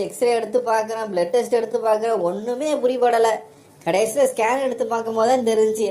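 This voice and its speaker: Woman doing a cartoon doctor explaining things patiently, rattles on fast, slightly raised voice. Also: on the high side, a little mellow, natural voice. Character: calm hospital doctor explaining to a mother.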